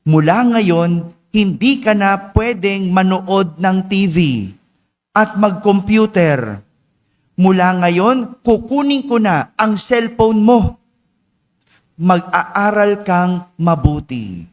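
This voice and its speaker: A man's voice: high-pitched, slow pace, long pauses, a little mellow, in a large hall. A male priest acting out an angry father who scolds his child about failing grades, set inside a homily. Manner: scolding, comparing the child to classmates. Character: angry scolding father, middle-aged man.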